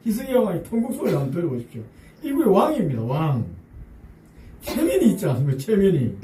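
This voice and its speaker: In a church sanctuary, a pastor with a mellow voice on the high side delivers a sermon, dramatizing pleading prayers and laughing along with his congregation. The sound is roomy and captured from a distance.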